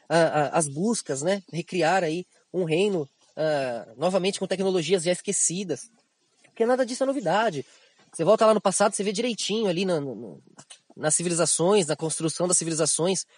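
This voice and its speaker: High-voiced Brazilian man, animated spiritual talk. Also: dry recording. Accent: Brazilian Portuguese. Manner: animated, slangy, acts out quotes in raised voices. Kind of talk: esoteric spiritual monologue.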